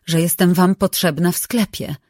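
A narrator voicing a fourteen-year-old girl who talks back boldly while straining to keep her voice steady in an audiobook. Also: lowish voice, moderate pace, dry recording, studio quality, lightly acted. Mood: defiant. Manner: bold, defiant, straining to control her voice.

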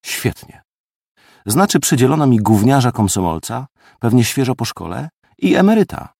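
A man reading a first-person audiobook story with lively, expressive delivery. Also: medium pitch, moderate pace, gravelly, slightly rough, dry recording, clean studio sound. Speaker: audiobook narrator.

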